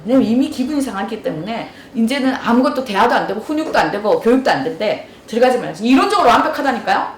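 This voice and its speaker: A woman lecturer talks quickly and keeps throwing questions at her listeners. Her voice sits a little high. She sounds far from the mic in a roomy hall. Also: lively intonation, a little hiss or hum. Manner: storytelling, asks the audience questions. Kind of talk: lively lecture with acted dialogue.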